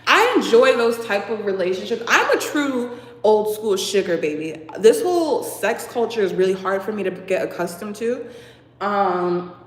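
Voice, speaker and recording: A young woman from Boston telling a casual storytime, chatty and animated with lots of fillers. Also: mid-range voice, moderate pace, echoey room, long reverb tail. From Boston, USA. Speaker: vlogger.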